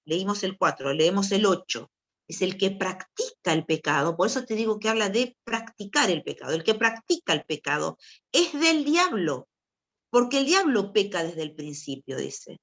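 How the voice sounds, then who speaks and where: Argentine-sounding woman, lowish voice, chatty youth bible talk, lots of questions. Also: fairly bright tone. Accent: Rioplatense Spanish. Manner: conversational, asks listeners questions, acts out excuses. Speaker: youth group teacher. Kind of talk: informal Bible teaching.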